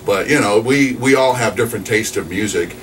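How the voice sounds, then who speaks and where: A radio DJ in his forties, from New Mexico, USA, talks casually in an interview, his lowish voice a little fast and fairly bright. He's chatty and upbeat, wandering off track, with frequent fillers and restarts. A faraway mic captures him against a noisy backdrop.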